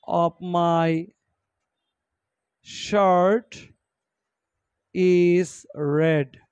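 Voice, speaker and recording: A man's voice: sits high, a little mellow, no echo, muffled recording. A man from Bangladesh teaching an English grammar class with a Bangladeshi accent, explaining in Bengali mixed with English and quizzing his students. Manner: explains in Bengali, mixing in English words and example sentences; asks the class questions and repeats answers.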